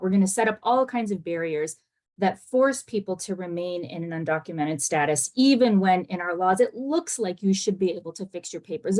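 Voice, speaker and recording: A woman immigration lawyer answering on a panel discussion over a video call, speaking quickly and earnestly with many fillers and restarts. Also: lowish voice, darkish tone. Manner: fast-talking, earnest, with frequent fillers and restarts.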